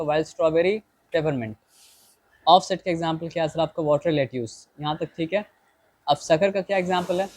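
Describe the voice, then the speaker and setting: A man's voice: fairly high pitch, darkish tone, no echo, poor audio. Man teaching biology with rhetorical questions. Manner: explains in Hindi mixed with English, reads English lines slowly; keeps asking rhetorical questions. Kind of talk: bilingual biology lesson.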